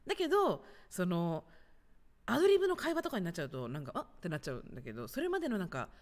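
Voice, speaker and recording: A woman in her thirties hosts a casual livestream from her apartment, chatting freely and reading out comments. Her voice sits fairly low but swings widely and animatedly in pitch. A long reverb trails behind her. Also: wildly swooping pitch, rapid-fire. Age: 30s. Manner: chatty, acts out little scenes in other voices, reads viewer comments aloud. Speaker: livestream host. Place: apartment home.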